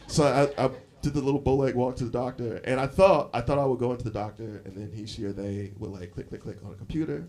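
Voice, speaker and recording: Forty-something man doing lively stand-up. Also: mid-range voice. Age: 40s. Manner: animated storytelling, frequent laughs and fillers. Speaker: stand-up comedian. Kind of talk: live stand-up set. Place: comedy club stage with audience. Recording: live club set with crowd laughter. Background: audience laughter.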